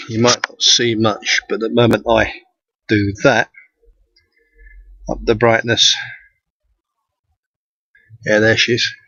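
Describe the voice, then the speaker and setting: A man, an amateur astronomer, gives a live how-to commentary outdoors, thinking aloud as he works, his voice thin and tinny with no bass. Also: fairly bright tone, dry recording. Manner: thinking aloud while working. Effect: thin tinny sound with no bass. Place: outdoors at night. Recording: dull lo-fi outdoor recording.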